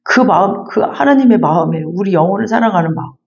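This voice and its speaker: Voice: medium pitch, lively intonation, fast talker, vocal fry, dull audio. A pastor preaching a fervent, repetitive sermon and then leading a closing prayer in a church sanctuary.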